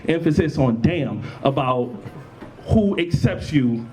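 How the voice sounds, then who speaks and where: A young man speaking as a panelist at a convention, animated and laughing often, with lots of restarts. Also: on the high side, slow pace, a little hiss or hum. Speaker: panelist, battle rapper. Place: college event room.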